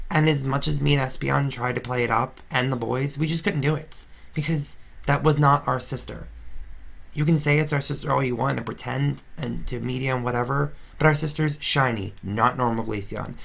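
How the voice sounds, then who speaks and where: A woman's voice: a bass voice, moderate pace, gravelly, exaggerated voice. A woman voicing a brash, gossipy female Flareon reality star, ranting sarcastically in a confessional-style fan drama. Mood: aggrieved. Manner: indignant, sarcastic ranting with restarts.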